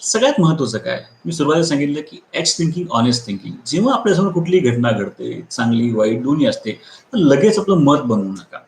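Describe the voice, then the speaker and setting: Guy giving a motivational talk, lively up-and-down voice, kinda high, roomy echo. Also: fast talker, slight background noise. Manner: animated storyteller who acts out quoted people; repeats key phrases for emphasis. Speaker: motivational speaker and trainer. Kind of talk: live online motivational lecture.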